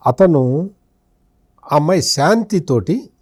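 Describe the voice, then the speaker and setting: A man's voice: on the high side, lively intonation, takes it slowly, a little mellow, no room sound, studio quality. A man, a senior journalist, giving accusing political commentary in an interview, firing rhetorical questions at an absent politician.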